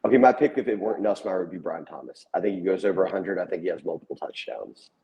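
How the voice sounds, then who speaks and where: A man's voice: low-pitched, fast talker, dull audio. A man co-hosting a sports podcast, casually telling stories and making picks. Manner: relaxed storytelling, retells quotes.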